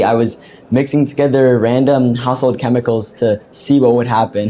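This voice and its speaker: An earnest teenage boy explains his work patiently, laughing easily along the way. His voice is mellow and a little low. A faint hum of ambience sits behind him in the event booth. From United States. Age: teens. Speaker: guest inventor. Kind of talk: podcast interview. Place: podcast booth at a tech event.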